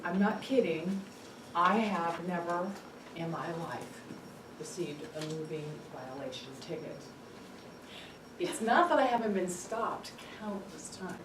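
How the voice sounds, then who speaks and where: A woman with a Californian accent giving a humorous personal speech at a club meeting, an animated storyteller who laughs often and acts out what people said. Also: fairly low pitch, a little slow. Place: meeting room. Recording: echoey room from far off, noisy.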